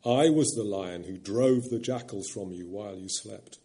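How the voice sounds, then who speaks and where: A man reading a storybook voicing a vast, ancient lion that speaks deep, low and slow with calm authority. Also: natural voice. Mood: solemn. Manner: grave, unhurried, gentle authority.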